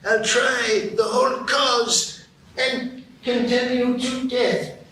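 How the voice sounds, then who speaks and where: A man voicing a touchy, long-winded male mouse in a live radio play, slow and offended, in an echoey room. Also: very high voice, little pitch movement, sharp tone, full character voice. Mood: solemn. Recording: echoey stage, distant mic, room noise.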